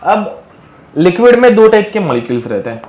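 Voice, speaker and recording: A man's voice: sits high, sing-song, a little fast, a little mellow, highs cut off. A male chemistry teacher giving a casual live classroom lecture, mixing English terms into his speech and often checking that students follow. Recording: echoey classroom with faint ambience.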